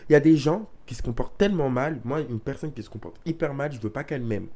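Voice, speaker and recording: A man's voice: medium pitch, expressive, fast talker, darkish tone. A man giving direct life advice to his viewers, emphatic and commanding, addressing them straight on. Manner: acts out example dialogues in quotes.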